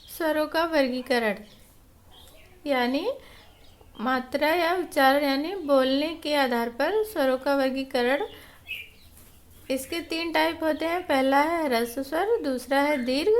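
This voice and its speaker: High-voiced woman teaching a lesson. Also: slight background noise. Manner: patient, repeats points slowly with examples. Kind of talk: classroom lesson explanation.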